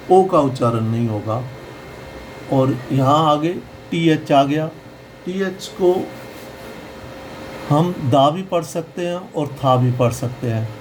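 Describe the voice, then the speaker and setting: A man teaching pronunciation in a slow, explanatory lesson, patiently repeating each sound. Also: a little high, a little hiss or hum, low-quality recording.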